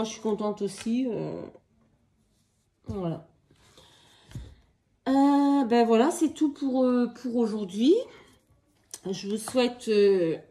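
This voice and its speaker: A woman, a mother, showing her craft purchases in a casual haul video, speaking slowly with many hesitations and fillers. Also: on the high side, warm tone. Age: adult, with children. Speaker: craft vlogger.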